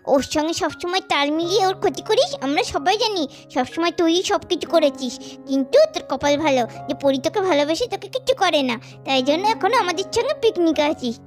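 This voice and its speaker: A woman voicing a sharp-tongued, bratty young girl doll in a doll cartoon, taunting and scolding. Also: very high voice.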